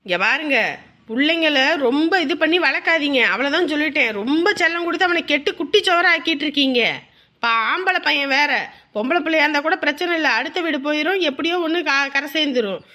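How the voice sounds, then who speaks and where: A woman's voice: sits high, sharp tone. A woman playing a strict, thrifty mother who lectures her family in a family drama, speaking rural in a firm manner. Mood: scolding. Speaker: mother, wife. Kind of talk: village family drama acting.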